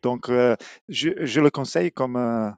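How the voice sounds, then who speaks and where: A man's voice: mid-range voice, unhurried, clear, resonant tone, no echo. A middle-aged man from Italy speaking French with an Italian accent, a podcast guest who hesitates with many fillers and restarts. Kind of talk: remote podcast interview.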